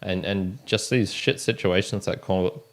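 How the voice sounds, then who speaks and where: A man's voice: deep voice, steady tone, a little slow. A man hosting his book review channel, talking casually through a monthly recap, rambling and correcting himself as he goes. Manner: rambling, self-correcting, frequent restarts.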